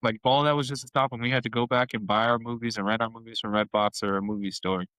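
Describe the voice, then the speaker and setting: Young man, podcast co-host, animated storyteller, dry close mic. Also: mid-range voice, fast talker, no room sound, rough recording. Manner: animated storyteller, playful shout-outs. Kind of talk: casual podcast chat.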